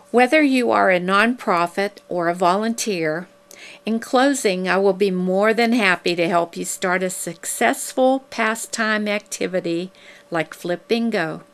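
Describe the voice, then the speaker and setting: A woman reading scripted narration for a promotional video in a measured, explanatory way. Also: medium pitch.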